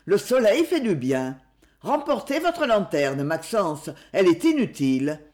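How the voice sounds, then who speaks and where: A bright, eager teenage boy who speaks in lively exclamations, as a male storyteller voices him. The pitch is high and jumps around with quick, springy swings in this storybook reading. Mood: cheerful.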